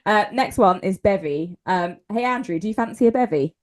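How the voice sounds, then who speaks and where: A woman's voice: mid-range voice, expressive, normal speed. A well-spoken woman from Kent who hosts a podcast. She explains things patiently in casual chat and laughs often. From Kent, England. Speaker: podcast host.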